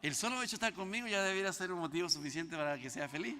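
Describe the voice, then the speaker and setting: A man's voice: sits high, racing, in a large hall, slight background noise. A Chilean man preaching as a pastor, teaching through a story and acting out both sides of the dialogue. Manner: animated, acts out dialogue in quoted voices. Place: church.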